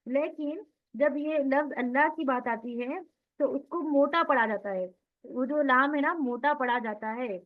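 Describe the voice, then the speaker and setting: A woman teaching a tajweed lesson, explaining step by step and reciting Arabic example words slowly. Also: high voice. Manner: explains step by step, often checks with "theek hai". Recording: tinny phone-line sound.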